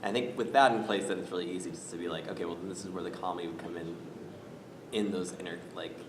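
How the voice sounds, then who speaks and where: A man's voice: sits low, steady tone, fast talker. A man who created a comedy podcast, explaining its process in a casual interview. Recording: echoey room with background noise.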